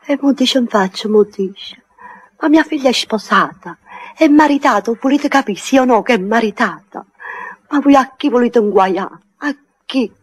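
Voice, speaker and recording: A woman's voice: on the high side, normal speed, breathy edge. A woman playing a stern middle-aged Neapolitan mother and wife in a 1950s radio play, with a Neapolitan accent and an insistent, scolding manner. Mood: indignant. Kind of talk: 1950s radio drama acting.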